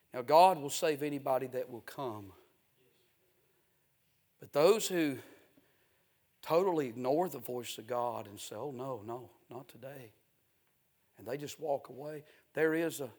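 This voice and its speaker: A man preaching a revival sermon in a church, pleading with the congregation and swinging from loud exhortation to hushed urgency. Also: medium pitch. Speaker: pastor. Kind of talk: revival sermon with altar call. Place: church sanctuary.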